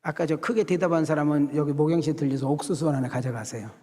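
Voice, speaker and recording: A man's voice: on the high side, fast talker, mellow, in a large hall. A middle-aged South Korean pastor preaching a sermon to his congregation, often calling out to them and building to emphatic passages. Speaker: senior pastor. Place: church sanctuary.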